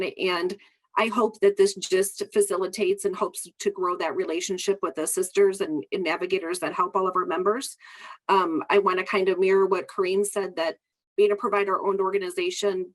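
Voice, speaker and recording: Woman, insurance panelist, voice going hoarse, mid pitch. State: losing her voice. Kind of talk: panel remarks.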